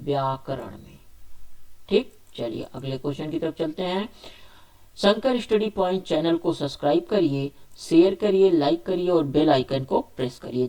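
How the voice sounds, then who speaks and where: His pitch fairly high and his tone darkish, a male teacher runs a spoken exam quiz. Each question gets read, asked aloud, and self-answered, with the options repeated several times.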